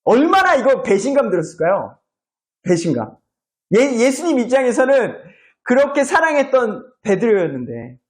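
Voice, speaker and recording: A man's voice: very high-pitched, big pitch swings, normal speed. A male pastor preaching a sermon in a church, retelling a story with acted-out voices.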